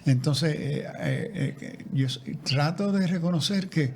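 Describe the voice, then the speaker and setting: Taking things slowly, this guest theologian reflects aloud in a conversational interview, frequently starting over and repeating himself. He has a slightly high voice with a darkish tone.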